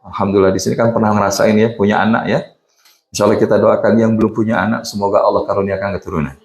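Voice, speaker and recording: A man's voice: lowish voice, flat delivery, racing. A middle-aged man giving a sermon in a mosque, asking the congregation questions and mixing in English phrases. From Indonesia. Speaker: preacher. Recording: echoey mosque room.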